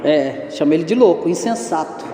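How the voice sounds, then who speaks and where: A male evangelist giving an animated, conversational teaching sermon, speaking directly to his congregation in a church hall. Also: on the high side, fairly quick, a little hiss or hum. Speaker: evangelist preaching. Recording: roomy echoing church reverb.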